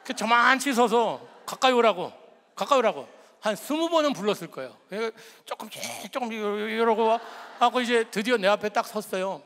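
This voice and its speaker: High-voiced pastor in a reverberant hall. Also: male voice, fairly quick, few pauses, slight background noise. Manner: storytelling, emotional, shifts between lively and hushed. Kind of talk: sermon with personal story.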